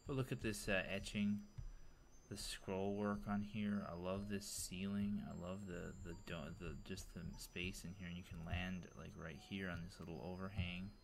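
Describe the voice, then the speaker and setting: Deep-voiced man rambling through a game tour. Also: steady tone, moderate pace, vocal fry, slight background noise. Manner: rambling, filler-heavy, enthusiastic. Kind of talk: casual gameplay commentary.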